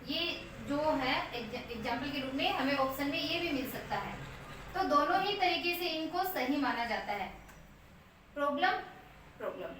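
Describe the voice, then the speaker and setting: A woman teaches English pronunciation with a high, bright voice, slowly drawing out each example word. She sits away from the mic in a strongly echoing room. Faint noise hums behind her. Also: lively intonation. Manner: slow, drawn-out repetition of example words. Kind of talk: pronunciation lesson. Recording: echoey room, mic at a distance.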